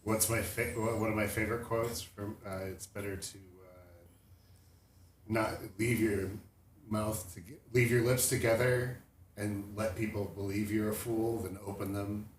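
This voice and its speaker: A man's voice: on the low side, flat delivery, a little slow, echoey room. A man co-hosting a podcast, chatting casually and searching for words, with frequent restarts. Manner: hesitant, full of restarts and fillers. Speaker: podcast co-host. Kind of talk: casual chat.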